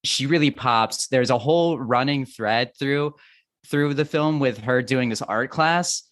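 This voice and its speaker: A man talks eagerly about a film as a podcast guest, laughing easily along the way. His voice sits in a middle pitch and sounds dry and close to the mic. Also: unhurried, fairly bright tone, no echo. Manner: eager, chatty, laughs often. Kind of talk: casual film discussion.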